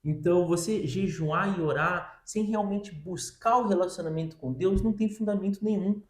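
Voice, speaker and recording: In an echoey room, a man whose voice sits high talks through a Bible reading at a moderate pace. He co-hosts a Bible reading podcast and keeps things loose and chatty, leaning constantly on fillers such as "né" and "tipo assim."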